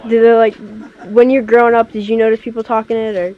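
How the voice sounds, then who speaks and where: A woman's voice: on the high side, flat delivery, fast. A young woman asking questions in a casual on-location interview. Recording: dull lo-fi sound, faint location noise.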